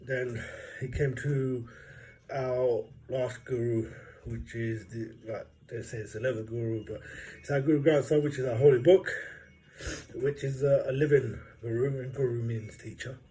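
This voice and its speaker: A man chats loosely to his camera, upbeat and jokey. His voice is mellow and warm. He rambles and fills his talk with fillers. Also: medium pitch, steady tone, normal speed, slight background noise. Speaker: vlogger. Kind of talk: casual vlog monologue.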